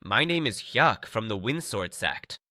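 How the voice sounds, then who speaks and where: A man voicing an arrogant, quick-tempered master swordsman in a story recap, speaking in a haughty, threatening way. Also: lowish voice, sing-song, pushed and bright, no room sound, studio quality, exaggerated voice.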